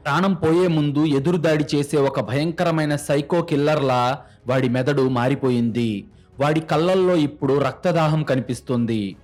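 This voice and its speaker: A man's voice: on the high side, moderate pace, a little mellow. A man reading a scripted crime story aloud in a dramatic, suspenseful storytelling way. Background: faint music.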